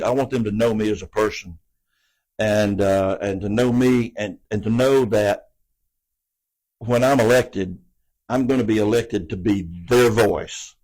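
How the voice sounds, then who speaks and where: In a low-quality recording, an 80-something city council candidate from the American South responds to interview questions. His voice sits on the low side and is a little mellow, and his earnest, folksy answers often repeat words.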